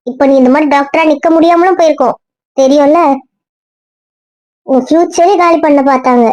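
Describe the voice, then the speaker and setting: A woman's voice: high voice, normal speed, a little mellow, no room sound, natural voice. A woman playing a nosy, teasing young friend who keeps asking prying questions. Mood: probing. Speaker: friend and colleague.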